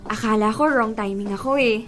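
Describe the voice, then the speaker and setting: A woman with a fairly high, brisk voice and a Filipino accent, close to how she'd normally speak, with soft music in the background. She's an actress in a Filipino radio drama playing a sweet, devoted young girlfriend who pleads and coaxes. Her delivery is emotive and teasing, her mood playful.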